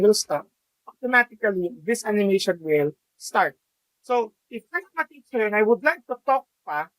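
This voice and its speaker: A man with a Filipino accent, a math teacher educator walking students through a software tutorial, explaining step by step with fillers and restarts. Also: sits high, no echo, low-quality recording. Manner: explanatory, frequent fillers and restarts, mixes in Tagalog. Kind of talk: screen-recorded software tutorial.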